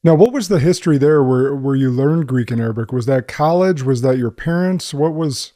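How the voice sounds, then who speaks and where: This podcast host is a man with a medium-pitched, warm voice and a brisk delivery. His casual interview questions come out loose and rambling, and he often corrects himself.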